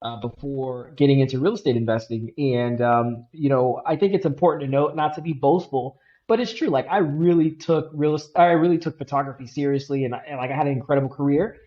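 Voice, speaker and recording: Guy cohosting a podcast, earnest and rambly, mid pitch, kinda muffled audio. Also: brisk. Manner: energetic, earnest, lots of fillers like "like" and "uh". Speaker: podcast co-host. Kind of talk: casual podcast storytelling.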